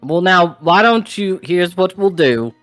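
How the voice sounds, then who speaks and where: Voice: mid-range voice, animated, unhurried, fairly bright tone, no room sound, soft background music. A game master doing a folksy, stubborn farm dad. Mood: bargaining. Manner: folksy, drawling, calls her darling and dear. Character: gruff protective father of a farm girl.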